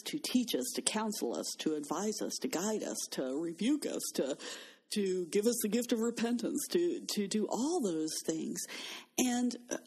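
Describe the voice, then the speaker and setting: Mellow, husky woman teaching scripture. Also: medium pitch. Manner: earnest, teaching tone, quoting scripture. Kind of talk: faith-based conversational talk.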